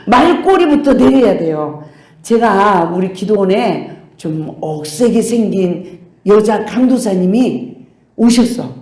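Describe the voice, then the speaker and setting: A woman pastor giving a sermon, telling stories with lively, acted-out quotes. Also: mid-range voice, takes it slowly, roomy sound. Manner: animated storytelling, acting out quoted voices. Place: church sanctuary.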